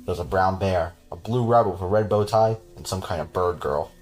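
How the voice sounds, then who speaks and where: Low-voiced man reading a horror story. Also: brisk, darkish tone. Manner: casual, chuckling, breaks off to joke with his cohost. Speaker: podcast host reading a story. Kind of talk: reading a horror story aloud with jokey asides.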